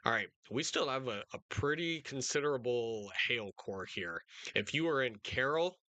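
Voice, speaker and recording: A man hosting live storm coverage in a casual, unscripted, halting way, speaking directly to his viewers. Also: medium pitch, expressive, pushed and bright, no room sound, dull audio. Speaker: storm-coverage livestream host.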